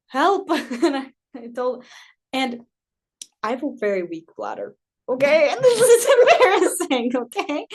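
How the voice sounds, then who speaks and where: A young woman hosting a podcast, casually telling a story in a chatty way, full of "like" and frequent laughter. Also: on the high side. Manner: chatty, heavy use of "like", laughs often. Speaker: podcast host.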